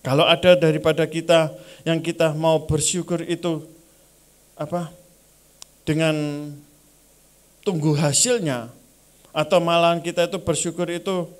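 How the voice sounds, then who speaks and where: A male pastor preaching a sermon at a church service, dropping in phrases and acting out short prayers and grumbles. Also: fairly high pitch. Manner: acts out prayers and grumbles in small voices; mixes in Javanese phrases.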